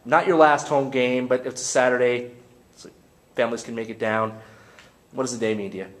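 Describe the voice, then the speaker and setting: A man's voice: mid-range voice, fairly even intonation, brisk. A man interviewing players at a postgame press conference, rambling and restarting his questions.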